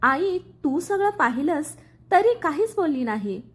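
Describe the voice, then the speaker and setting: A woman's voice: high-pitched, very animated, measured pace. A woman voicing a young husband who speaks firmly and earnestly in a story reading. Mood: stern. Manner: firm, earnest. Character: young husband, firm and protective.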